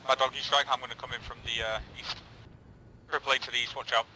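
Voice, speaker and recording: Man on a helmet radio, fast calls. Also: mid-range voice, flat delivery, bright, forceful tone, slight background noise, low-quality recording. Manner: clipped, terse radio jargon. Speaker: air support pilot player. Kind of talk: military radio calls in a game.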